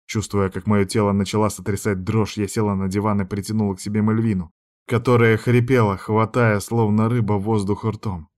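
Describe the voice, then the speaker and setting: A man's voice: fairly low pitch, flat delivery, fairly quick, darkish tone. A man narrating a dramatic audiobook in a tense storytelling manner.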